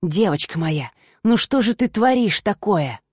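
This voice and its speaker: A woman's voice: medium pitch, expressive, measured pace, breathy edge, no room sound. Casting: woman doing an obsessive young man, cooing and pushy, dry close sound. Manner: cooing, then yelling angrily.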